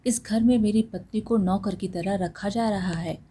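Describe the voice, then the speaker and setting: A woman voicing a sorrowful, gentle young husband who is bedridden, speaking in a pleading way. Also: mid-range voice, moderate pace, slightly rough, natural voice.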